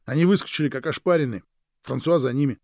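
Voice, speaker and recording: A man voicing a worldly man who tells stories in a lively, animated way in a storybook reading. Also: fairly high pitch, quick pace, no room sound, clean studio sound, close to an everyday voice.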